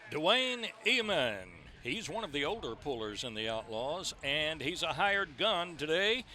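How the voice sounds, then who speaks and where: Unhurried and sing-song, a man with a voice on the high side calls a tractor pull in a bright, forceful tone. His play-by-play is presentational, introducing and recapping, recorded outdoors on a noisy track with engine noise all around.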